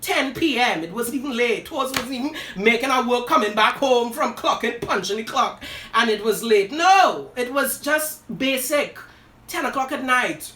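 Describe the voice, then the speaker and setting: On a live show, a woman shares a personal story with theatrical sass, dropping asides to her "girl" and "darling" listeners. She speaks at normal speed in a fairly high, expressive, fairly bright voice. There's slight background noise, a roomy echo, and she sounds distant.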